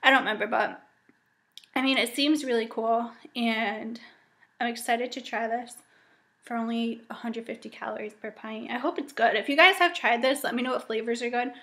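Young woman, casual vlogger, slightly high voice, upbeat and chatty, webcam at home. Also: fairly even intonation, normal speed, bright, forceful tone. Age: young adult. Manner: chatty, upbeat, frequent ums and likes. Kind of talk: casual grocery haul vlog. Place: home dining room indoors.

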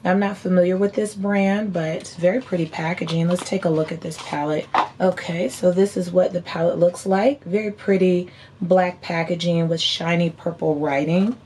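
A woman in her thirties with a hoarse, worn-out voice, chatting casually and folksily as a beauty vlogger showing products. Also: fairly low pitch, fairly even intonation, moderate pace, a little mellow, slight background noise. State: hoarse, voice partly lost from screaming. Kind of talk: casual chat unboxing haul. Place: indoor room at home.

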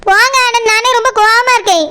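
A woman's voice: extremely high pitch, fast, sharp tone. A woman voicing an upset, stubborn pregnant young village wife in a cartoon, speaking with a Tirunelveli Tamil accent and complaining insistently. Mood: aggrieved. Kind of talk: cartoon comedy dialogue.

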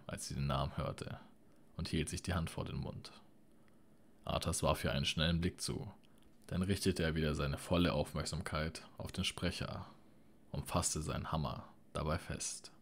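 Audiobook narrator, male, very deep voice, steady measured reading.

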